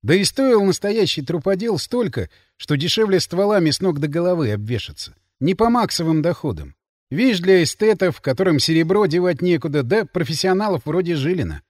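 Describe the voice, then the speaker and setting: A man narrating first-person fiction in an expressive, dramatic reading. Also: high voice, brisk, no room sound, clean studio sound. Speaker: audiobook narrator.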